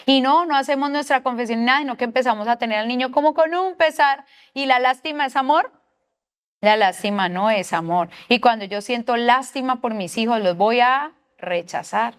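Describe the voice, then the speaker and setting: A woman's voice: a little high, normal speed, clear, resonant tone. A middle-aged Colombian woman with a Colombian accent giving an earnest church parenting talk, putting questions to her listeners. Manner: earnest, asks the audience questions. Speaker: parenting class teacher at a church.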